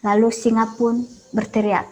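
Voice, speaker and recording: A woman teacher telling a fable to young pupils in a lively way, talking to them directly. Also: fairly high pitch, moderate pace. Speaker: primary school teacher. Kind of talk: storytelling lesson for children.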